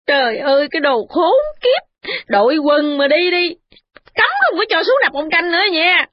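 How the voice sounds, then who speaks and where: Woman putting on a sarcastic whiny young wife, shrill and lively, muffled old recording. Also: moderate pace, no echo, close to an everyday voice. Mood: whining. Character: shrill bickering young wife, sharp-tongued. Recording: dull lo-fi recording.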